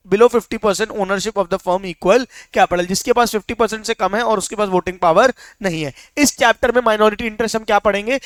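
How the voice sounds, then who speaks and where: A young man teaching a lecture, coaxing students with constant quick questions and mixing English terms into his speech. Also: high-pitched, clear, resonant tone, no echo. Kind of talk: classroom lecture.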